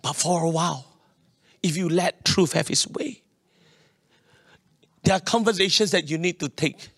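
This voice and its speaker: A man's voice: a little high, normal speed, creaky, fairly bright tone, breathy edge, no room sound, studio quality. A man with a Singaporean accent preaching a sermon in colloquial Singlish, emphatic and repetitive, telling personal stories and seeking responses from his listeners. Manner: colloquial Singlish with particles like leh, eh and huh; emphatic, repeats phrases and seeks audience response. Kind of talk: sermon with personal anecdotes to a congregation.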